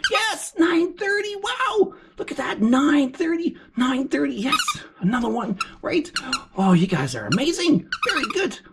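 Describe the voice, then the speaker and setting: A woman voicing an excitable, encouraging furry puppet as a kids show host, with gasps and exclamations while teaching children. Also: high voice, unhurried, few pauses, heavily acted. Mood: excited, encouraging. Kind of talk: children's lesson, sing-out praise and questions. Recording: clear background noise.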